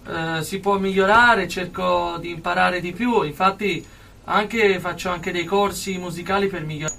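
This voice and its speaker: A young adult man giving earnest, halting interview answers as a guest in a radio studio. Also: sits high, fairly even intonation, creaky, sharp tone, far from the mic. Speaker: interview guest, aspiring musician.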